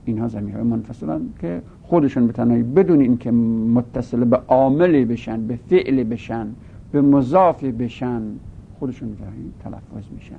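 A man teaching a grammar lesson, asking and answering his own questions and drawing out his words. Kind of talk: grammar lesson, explaining step by step. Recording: gravelly voice on a tinny phone-like line with faint rumble.

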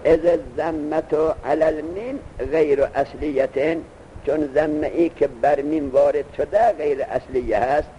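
Guy teaching grammar class, asks students stuff, kinda high pitched, faint hiss behind. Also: fairly even intonation, warm tone, rough recording. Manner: explains slowly, quizzes students with questions.

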